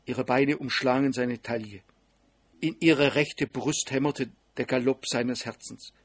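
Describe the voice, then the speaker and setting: Husky male audiobook narrator. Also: medium pitch, measured pace, no room sound. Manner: steady, even storytelling.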